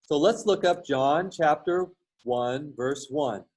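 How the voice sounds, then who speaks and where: A male instructor giving a recorded lesson while sharing his screen, explaining patiently and often pausing on fillers and restarts. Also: fairly high pitch, darkish tone. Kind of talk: recorded lecture with screen share.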